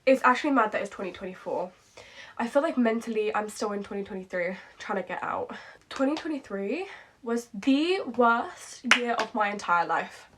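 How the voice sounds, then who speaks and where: A woman's voice: mid-range voice, animated, moderate pace, fairly bright tone, a little hiss or hum. A woman, talking candidly and rambling in a reflective late-night vlog, repeating herself and saying "like" often. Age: 20s. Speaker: vlogger.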